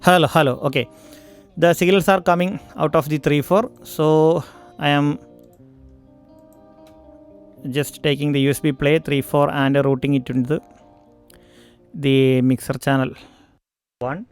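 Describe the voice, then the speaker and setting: A man with an Indian English accent explains audio routing step by step in a studio tutorial, stopping again and again to test his microphone. His voice sits somewhat high for a man, recorded on a studio mic with faint music in the background. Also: fairly even intonation, normal speed, pauses often, clean tone. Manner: talks through steps with frequent mic checks and fillers. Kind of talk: screen-recorded software tutorial.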